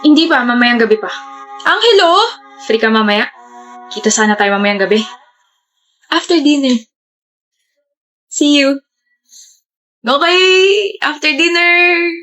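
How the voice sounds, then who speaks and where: A woman with a high voice performs a lighthearted comedy skit. She is playful and excitable, bursting into sudden shouts between quicker chatty lines. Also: soft background music. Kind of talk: scripted comedy skit dialogue.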